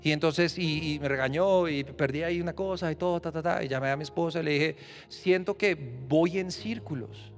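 A man preaching a sermon as pastor, rising to loud emphatic declarations and dropping to a personal storytelling tone. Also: fairly high pitch, steady tone, fast, hardly any pauses, soft background music.

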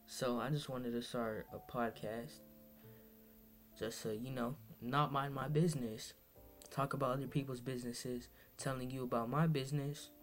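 A young man from Massachusetts hosting his first solo podcast, talking in a rambling, hesitant way full of fillers and restarts, sounding tired. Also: medium pitch. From Massachusetts, USA. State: tired, low on energy. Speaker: podcast host. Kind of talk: casual solo podcast monologue.

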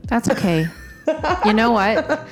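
A woman's voice: fairly high pitch, animated, takes it slowly, soft background music, poor audio. A woman chatting casually and informally as a podcast co-host, with an upbeat manner. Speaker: podcast co-host, outreach worker and teacher. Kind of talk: casual chat.

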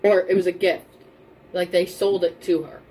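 A woman's voice: lowish voice, normal speed. A young woman co-hosting a podcast in casual chat, talking informally and emphatically, often repeating herself for stress. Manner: informal, emphatic repetition, mild swearing. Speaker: podcast co-host. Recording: steady background noise and room ambience.

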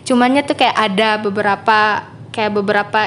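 A young woman, speaking slowly and hesitantly as an interview guest, laughing often. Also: medium pitch, steady tone, fairly bright tone. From Papua. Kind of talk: casual interview chat.

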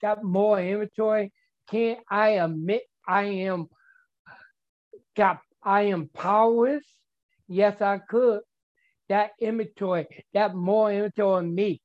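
Slow-talking, stuttering man, earnest share. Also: sits high, steady tone, lo-fi sound. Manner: stutters, repeats words and restarts often; simple, earnest, heartfelt phrasing. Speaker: member sharing at a recovery meeting. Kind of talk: personal share at a twelve-step meeting.

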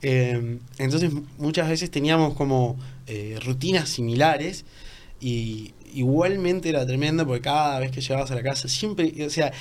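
A man in his thirties speaks with a Uruguayan Spanish accent, unhurried and easygoing. He tells long stories in casual podcast chat, with many fillers and restarts. His voice sits at an ordinary middle pitch. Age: 30s. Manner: relaxed storytelling with many fillers. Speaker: guest.

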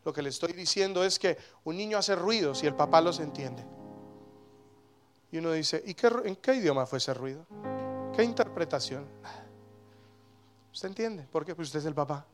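A man in his thirties preaching a sermon as pastor, animated, with sudden loud exclamations. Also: a little high, normal speed, long pauses, music in the background.

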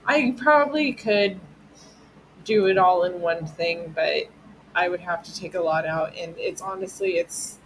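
A woman's voice: fairly low pitch, unhurried, slight background noise, poor audio. A woman hosting a casual true-crime podcast, chatty and loose, often breaking into giggles. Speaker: podcast host.

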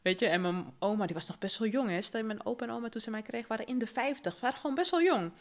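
A young woman from Suriname, co-hosting a podcast and telling lively stories about her childhood, often laughing and acting out the voices of people she quotes. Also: a little high, rapid-fire. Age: young adult. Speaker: podcast co-host. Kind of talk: casual chat.

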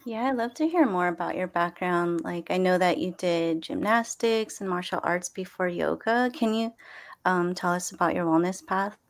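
A woman hosting a podcast who asks her guest friendly, quick questions. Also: on the low side. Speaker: podcast host. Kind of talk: interview questions.

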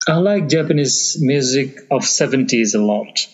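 Muffled, lo-fi audio with long reverb captures an interview guest from Bangladesh whose native tongue is Bengali. He speaks in an animated, medium-pitched voice, thoughtful and frequently pausing with fillers as he hunts for the right words in the conversation.

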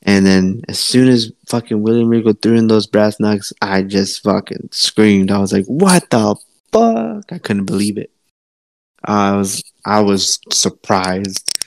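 A man co-hosting a wrestling podcast, chatting casually and excitedly, swearing and restarting his sentences. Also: fairly low pitch, a little slow, no echo. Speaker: podcast co-host.

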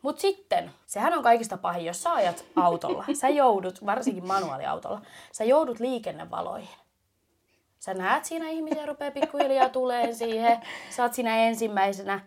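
A young woman with a Finnish accent telling a funny story on a podcast, animated and laughing. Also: on the high side, creaky. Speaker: podcast co-host. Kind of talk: casual storytelling chat.

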